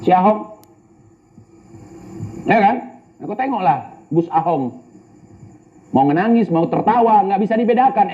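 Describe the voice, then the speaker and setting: Brash, mocking Indonesian man, high voice. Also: warm tone, muffled recording. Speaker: YouTuber answering viewer comments. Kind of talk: casual banter reading comments.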